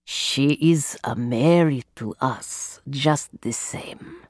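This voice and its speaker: A woman voicing a strong old fortune-teller who speaks in a low, softly rasping voice, with slow, hushed, litany-like phrasing. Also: no room sound, studio quality, full character voice. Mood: reverent. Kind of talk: audiobook character voice.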